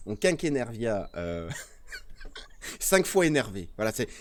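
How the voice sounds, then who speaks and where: Animated, playful male streamer. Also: lowish voice, slow pace. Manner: playful, teasing, mock-indignant. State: tired. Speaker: nature streamer hosting a press review. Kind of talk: live-stream chat, reading aloud with joking asides.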